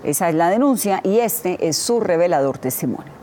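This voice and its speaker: Female news anchor, lower voice. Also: lively intonation, a little fast, dark tone, slight background noise. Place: TV newsroom studio.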